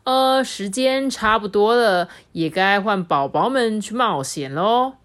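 A woman voicing an unhurried, fatherly gentleman in a children's storybook. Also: medium pitch, animated. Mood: measured.

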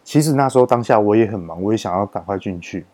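A fast-talking man with a lowish voice and a Taiwanese Mandarin accent shares a story from work on his podcast. Lively and relaxed, he lengthens his sentence-final particles to add emphasis.

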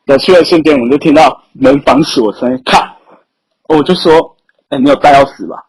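A man's voice: medium pitch, brisk, a little mellow, rough recording. A young adult man with a Taiwanese accent telling stories casually as a podcast guest, often with a chuckle. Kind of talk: casual anecdotal storytelling. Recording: rough amateur podcast audio.

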